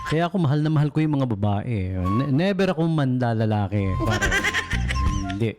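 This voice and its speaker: A man's voice: medium pitch, expressive, moderate pace. A man hosting a late-night radio show, chatting casually and joking, mixing English into Tagalog and playfully mimicking cat calls. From Philippines. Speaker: radio DJ host. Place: radio studio. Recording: radio broadcast with music behind.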